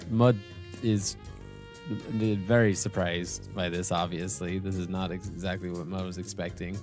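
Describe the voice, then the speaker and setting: A man's voice: deep voice, little pitch movement, a little slow, darkish tone. A man playing a tabletop game, describing his character in a dry, understated way. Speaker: player. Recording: faint music behind.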